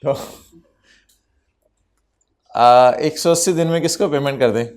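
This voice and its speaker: A man's voice: medium pitch, unhurried, a little mellow. A man lecturing an accountancy class, teasing his students and dropping English terms into his explanation. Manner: code-switches into English terms.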